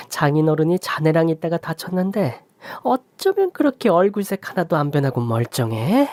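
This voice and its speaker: A narrator voicing an indignant middle-aged mother who scolds her son-in-law with sharp questions. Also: on the low side, no room sound, pitched above the performer's own voice, lightly acted.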